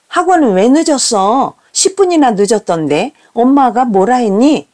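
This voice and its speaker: Speaking at a medium pitch, a woman voices a strict middle-aged mother scolding her children with sharp, reproachful questions.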